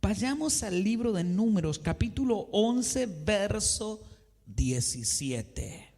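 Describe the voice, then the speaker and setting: A pastor with a high, sing-song voice and a darkish tone delivers a slow sermon in church. He poses questions to his congregation, answers them himself, and plays out dialogues between a believer and God. The long reverb of the church hall carries through the recording.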